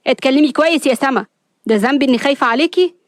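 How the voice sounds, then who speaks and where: A woman's voice: sits high, very fast, dry recording, studio quality, natural voice. A woman doing a sly two-faced young woman. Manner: falsely sweet, coy.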